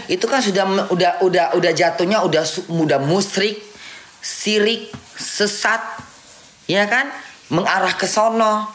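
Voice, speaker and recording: A woman's voice: mid-range voice, unhurried. A middle-aged woman giving indignant, casual commentary on a film as a vlogger at home, often restarting and repeating words. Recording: roomy echo, faint background noise.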